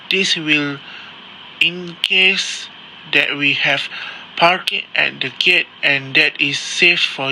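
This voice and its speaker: A man playing an airline captain reads cabin announcements very slowly, stumbling and restarting now and then. His voice is bright and a little high. A faint hiss sits behind him. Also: full character voice, rough recording. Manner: slow, halting reading with slips and restarts. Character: airline captain and crew member making announcements. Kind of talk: read-aloud cabin announcements.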